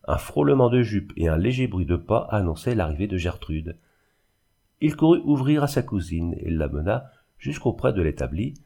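Dark-voiced man reading a novel. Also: low voice, creaky. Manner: measured, even storytelling. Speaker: audiobook narrator. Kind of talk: literary audiobook narration.

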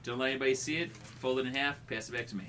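A man's voice: mid-range voice, steady tone, very fast, a bit bright. A man running a tabletop game as game master, narrating the action casually. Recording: faint room noise.

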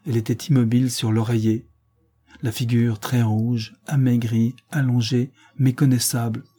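A man reading a classic novella aloud as first-person narration, measured and sombre. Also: medium pitch, level tone, warm tone, slightly rough. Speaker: audiobook reader.

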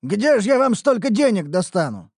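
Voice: mid-range voice, big pitch swings, normal speed, a little mellow, husky, no room sound, studio quality, voice pushed up. A narrator voicing a stingy, boastful male slave trader who haggles over prices in an audiobook. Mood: haggling. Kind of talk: audiobook character voice.

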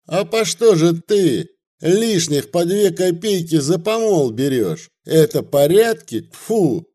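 A man's voice: lively intonation, a little slow, dark tone. A man reading aloud and voicing two tipsy village women who jeer and spit insults. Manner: shrill, jeering, spitting.

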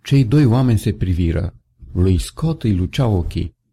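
A man with a husky voice reading a story aloud, measured and steady, giving the characters' lines a little colour. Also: fairly low pitch. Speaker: audiobook narrator. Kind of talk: scripted narration.

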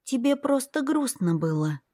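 A headstrong little princess girl, voiced by a woman narrator in a storybook reading. Her voice sits high and childlike, insistent and a bit whiny. The sound is dry and close. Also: expressive, measured pace, a little mellow, no echo. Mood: curious. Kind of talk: audiobook character voice.

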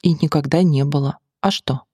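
An audiobook reader voicing a neat, unflappable male bar administrator who answers calmly. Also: medium pitch, normal speed, slightly rough, no echo, clean studio sound, close to an everyday voice.

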